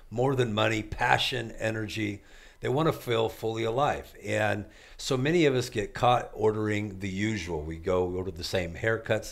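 A man with a somewhat low voice, talking as an author and life coach in an interview. He delivers his points with energetic, preacher-like conviction and punchy repetition. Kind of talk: motivational interview talk.

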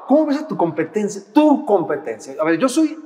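A man's voice: high-pitched, very animated, quick pace, a little mellow, in a large hall. A Mexican man hosting a casual chat, speaking in a reflective, conversational way. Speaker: host.

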